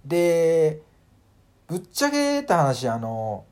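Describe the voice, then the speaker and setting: A man hosting a casual solo audio talk, animated and full of fillers, acting out sounds as he explains. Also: a little high, slow, clean tone. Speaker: podcast host.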